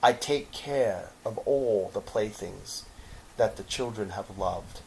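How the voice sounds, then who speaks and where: A man voicing a gentle, loving female fairy in a storybook, speaking tenderly and reassuringly. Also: lowish voice, takes it slowly, creaky, slight background noise, rough recording. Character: gentle, loving female fairy who cares for old toys. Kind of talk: storybook read-aloud.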